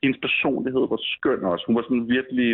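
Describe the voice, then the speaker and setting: A man's voice: mid-range voice, flat delivery, dry recording, phone-quality sound. A man co-hosting a casual podcast chat, blunt and opinionated, swearing casually. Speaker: podcast co-host. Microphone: remote call line.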